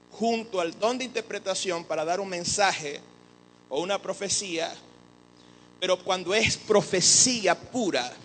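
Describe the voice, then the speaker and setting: A man preaching a sermon as an apostle, animated and joking with the congregation. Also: high-pitched, a little hiss or hum, rough recording. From Venezuela. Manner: animated, joking with the congregation, mimics others' voices.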